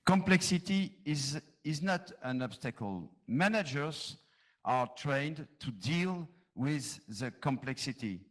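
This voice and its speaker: A man from France, a conference panelist, reading prepared answers in careful, slow English. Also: a little high, lively intonation, fairly bright tone. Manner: slow, careful non-native English, reads aloud.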